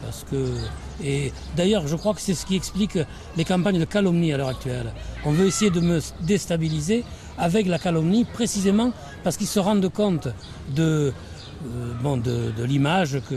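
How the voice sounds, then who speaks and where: Older man, halting and soft-spoken outdoors. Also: a little high, expressive, slight background noise. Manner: halting, many restarts and fillers. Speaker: mayor. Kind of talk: documentary interview while canvassing. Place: outdoors in a housing estate.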